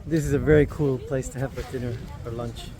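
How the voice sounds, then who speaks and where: A man's voice: medium pitch, steady tone, fast, crowd noise. A man vlogging as he walks along a beach outdoors, upbeat and cracking jokes. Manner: upbeat, joking asides. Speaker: travel vlogger. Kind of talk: casual walking tour narration. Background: music.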